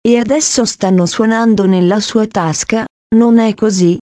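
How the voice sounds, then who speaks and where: A woman reading the lines of a calm, wry male police officer in a storybook, with a mild, even delivery. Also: mid-range voice, moderate pace, no room sound, studio quality, natural voice.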